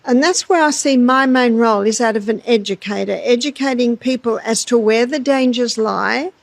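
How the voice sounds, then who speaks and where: An Australian woman who works as a health educator, explaining calmly and plainly in an interview. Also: on the high side, moderate pace, gravelly, no echo. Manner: calm, explanatory, folksy with frequent laughs. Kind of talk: interview answers.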